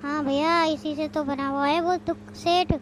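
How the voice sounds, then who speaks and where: A woman voicing a lively, outspoken young married sister in a cartoon, talking in a chatty, reasoning way. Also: sits high, normal speed, background noise, close to an everyday voice. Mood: cheerful. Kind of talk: cartoon voice acting. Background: background music.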